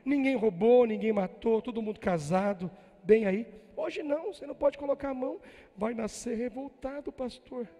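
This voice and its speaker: High-voiced Brazilian pastor preaching. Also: male voice, a little fast, big-room sound. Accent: Brazilian Portuguese. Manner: animated preaching that swings from soft asides to shouting; humorous, folksy storytelling. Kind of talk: sermon. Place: church.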